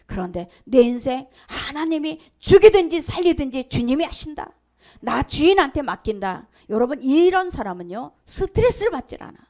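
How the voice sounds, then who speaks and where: A woman's voice: sits high, very animated, normal speed, darkish tone. A woman pastor preaching a sermon, emphatic and conversational, sometimes dropping to a whisper. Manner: repetitive, conversational storytelling. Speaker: senior pastor. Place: church sanctuary.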